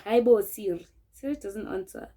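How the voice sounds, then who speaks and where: Telling a laid-back story as she does her makeup, a young South African vlogger with a South African accent speaks at a moderate pace in a medium-pitched voice. She re-enacts what people said with animation and blends in local words, though the recording quality is low.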